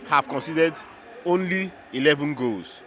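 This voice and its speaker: A man's voice: fairly high pitch, measured pace, a bit bright. A man with a Nigerian accent giving unscripted football reaction as a fan, emphatic and repeating phrases for effect.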